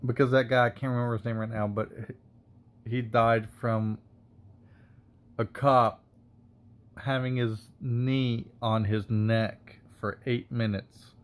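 A man's voice: medium pitch, little pitch movement, slow, pauses often. A man vlogging, rambling and getting heated, with many fillers and curses. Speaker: wine reviewer and vlogger. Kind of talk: casual rant to camera.

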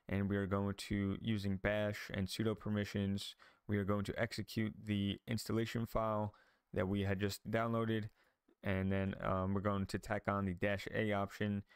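A man hosting a software tutorial, talking through each step casually, with frequent ums and restarts. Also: on the low side, smooth, no echo, studio quality. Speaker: tech tutorial host. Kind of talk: screen-recorded software tutorial.

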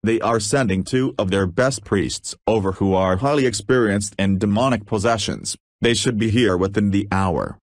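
A stern cartoon father, voiced by a synthetic man, speaks in a lowish, stilted and formal way. The sound is very dry, with the sentences neatly laid out. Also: moderate pace, hardly any pauses, no room sound. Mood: matter-of-fact. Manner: formal, stilted text-to-speech delivery. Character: exasperated cartoon father, stern but reassuring. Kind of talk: animated cartoon dialogue.

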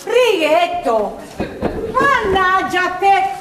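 A woman's voice: extremely high pitch, sing-song, drawn-out words, heavily acted. A woman acting a fussy, dramatic, scolding mother in a dialect stage comedy, with a Macerata accent. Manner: exclamatory, scolding. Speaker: stage actor. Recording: echoey stage, faint noise.

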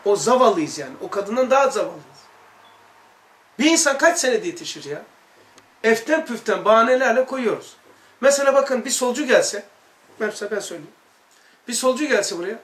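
A man's voice: very high voice, a bit bright. A man giving an informal religious lesson to a study circle, talking conversationally with rhetorical questions and repeated lists. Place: study hall. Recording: echoey room.

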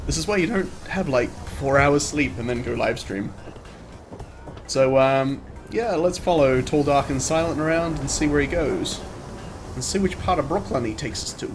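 A man's voice: a little high, lively intonation, normal speed, over music. Chatty man streaming a game. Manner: chatty, joking, laughs often. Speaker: let's play streamer. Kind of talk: casual live-stream commentary.

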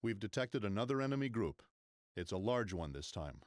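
A low-pitched, commanding military instructor in a video game. He briefs a trainee in clipped, impatient orders. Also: very animated, brisk, a little hiss or hum. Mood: stern, instructive. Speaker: mission commander. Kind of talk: scripted video game tutorial voice acting.

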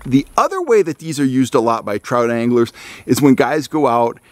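A middle-aged man talks straight to the camera in a plainspoken, folksy way, walking through his gear step by step. His voice sits at an ordinary middle pitch. The sound is dry and close, with almost no room echo. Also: very animated, normal speed. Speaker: fishing channel host. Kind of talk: casual instructional talk to camera. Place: outdoors in a pine forest.

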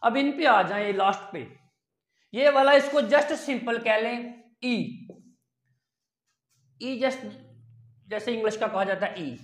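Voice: medium pitch, a bit bright. A language teacher explains step by step, asking questions and then answering them. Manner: counts and repeats items slowly. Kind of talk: step-by-step online language lesson. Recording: roomy echo.

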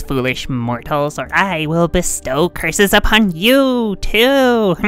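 Campy evil sorceress voiced by a woman: deep, slow, theatrical villain proclamations. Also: a bit bright.

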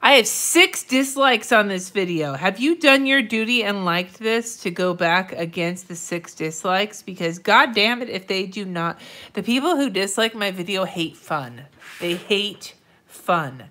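Mid-range and animated, her voice has a sharp tone and a measured pace, thickened to a nasal sound by a stuffy nose. At her desk indoors, she works on a planner during a livestream, chatting loosely, muttering, responding to viewers and dropping the odd swear word.

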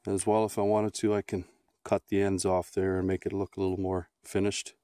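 Middle-aged guy, lowish voice, casual um-filled diy walkthrough outside, dry close sound. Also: little pitch movement, warm tone, dry recording. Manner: halting, many ums and restarts, plain-spoken. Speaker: outdoor vlogger. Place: outdoors on a grassy lawn beside a canoe.

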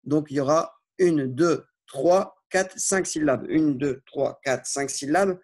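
A man teaching an Arabic lesson, patiently walking through exercises and slowly spelling out Arabic words. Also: a little high. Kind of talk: classroom lesson explaining exercises.

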